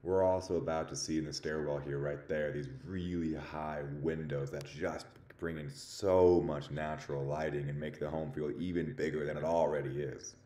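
A man with a very low, deep voice leads a walking tour of a new home as a realtor. He sounds excited and upbeat, pitching each feature with a salesman's enthusiasm. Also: moderate pace, hardly any pauses. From Denver area. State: out of breath.

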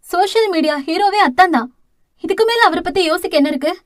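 Woman reader as an anxious younger sister, pleading and soothing, high voice, dry close recording. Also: fast talker, no room sound. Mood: worried. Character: frightened young woman, caring younger sister, college student.

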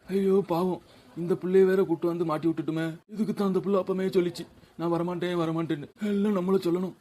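A harried village fish seller in a cartoon, voiced by a man, rattling off his lines quickly. His voice is dark and a bit husky, pleading and anxious to keep the peace. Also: high voice, flat delivery. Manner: pleading and hurried.

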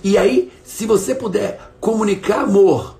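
A man's voice: high-pitched, measured pace, creaky, warm tone. A middle-aged man teaching in a live stream, emphatic and repeating his phrases while he asks viewers to respond. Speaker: coach and live-stream host.

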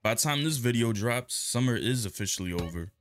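A young man giving relaxed, slangy commentary while playing a video game. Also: mid-range voice, fairly quick, a crowd in the background. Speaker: gaming youtuber. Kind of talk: casual gameplay commentary.

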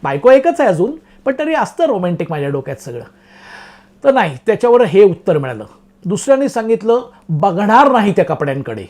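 A man's voice: high-pitched, big pitch swings, a little fast, mellow. A middle-aged man delivering a comic monologue in a wry, self-mocking, chatty way, talking straight to his listeners. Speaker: comic storyteller. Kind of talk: stand-up style comic monologue.

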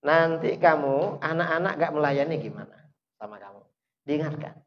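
A man preaching a sermon, asking the listeners questions and answering them himself, with emphatic bursts that rise sharply and then drop low. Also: lively intonation, normal speed, slight background noise. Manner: emphatic, rises sharply to stress points then drops low. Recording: dull lo-fi recording.

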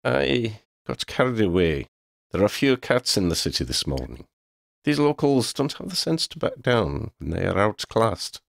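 A man voices a proud, lordly talking male cat in a storybook, making a sombre confession in pompous, formal wording with Scottish turns of phrase. His lowish voice is very animated, at normal speed with vocal fry, in clean, dry studio sound with the voice pushed up.

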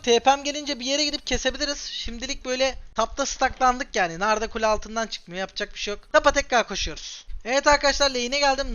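A man in his twenties from Turkey giving excitable live commentary on his own gameplay and talking straight to his viewers. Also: extremely high pitch, clear, resonant tone, dull audio. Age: 20s. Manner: excitable, talks straight to viewers while playing. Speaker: gaming streamer.

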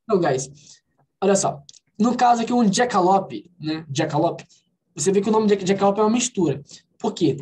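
A woman's voice: medium pitch, animated, a little fast, a little mellow. Woman, Brazilian accent, English teacher, patient explaining, keeps checking in with students. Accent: Brazilian Portuguese. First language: Portuguese. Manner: mixes English and Portuguese, repeats checks like "alright?" and "ok?". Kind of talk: online class explanation.

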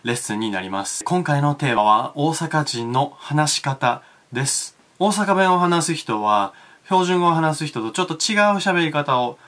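A man's voice: a little high, lively intonation, moderate pace, hardly any pauses, fairly bright tone. A man with an Osaka accent teaching a language lesson. He explains in Japanese, then says it again in English, and acts out dialect phrases by repeating them.

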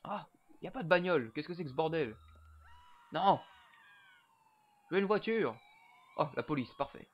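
A man's voice: a little high, animated, moderate pace, long pauses, dull audio. A young man giving casual gameplay commentary, playing drunk with slurred, rowdy outbursts and bursts of laughter.

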